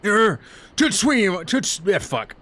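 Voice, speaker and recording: A grumpy old sorcerer acted out by a man for a video game. The voice sits high and swings widely in pitch, full of pompous, archaic grumbling and theatrical bluster. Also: very animated, takes it slowly, fairly bright tone, full character voice. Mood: grumpy, pained.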